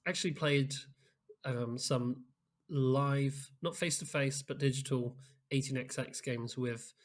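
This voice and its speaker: A man's voice: mid-range voice, a little slow. A man co-hosting a podcast, chatting casually and reading out listener messages, with plenty of "like" and "um". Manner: rambling, many fillers like "like" and "um". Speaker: podcast co-host.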